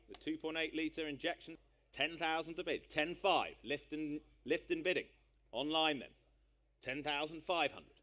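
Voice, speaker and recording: A man working as an auctioneer, calling bids live in a brisk patter of repeated numbers. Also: on the high side, bright, forceful tone.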